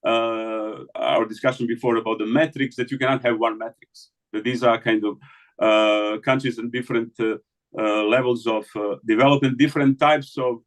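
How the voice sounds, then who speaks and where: A man from the Balkans, an interviewed scholar, speaking hesitantly in an academic conversation with many fillers and restarts. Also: medium pitch.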